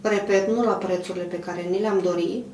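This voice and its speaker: A woman in her fifties who runs a clothing manufacturer, answering an interview in a measured, hesitant way with many pauses. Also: medium pitch, steady tone, a little mellow. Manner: measured, hesitant, frequent pauses and throat clearing. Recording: roomy, distant mic, faint hum.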